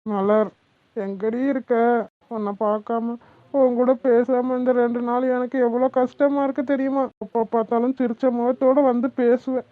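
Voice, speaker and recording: A woman's voice: on the high side, fairly even intonation, normal speed, no room sound, narrow, tinny audio, lightly acted. A woman voicing a moody, lovesick young man who talks in a brooding, sorrowful way. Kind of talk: cartoon voice acting.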